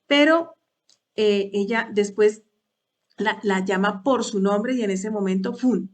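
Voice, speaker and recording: A woman's voice: mid-range voice, slow. A woman leading a Bible study talk for women, hesitant at times, repeating words and asking rhetorical questions.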